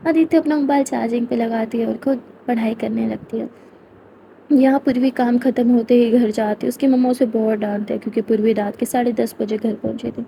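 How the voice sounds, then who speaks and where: Gravelly woman storyteller. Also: on the high side, steady tone, fairly quick, dark tone, slight background noise, low-quality recording. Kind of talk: storybook narration.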